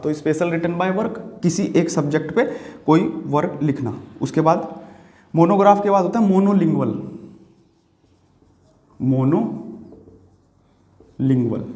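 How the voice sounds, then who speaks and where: A man's voice: on the high side, mellow, roomy sound. A man with an Indian accent teaching exam-prep vocabulary, explaining patiently, repeating words and asking the viewer questions. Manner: writes on a board while talking.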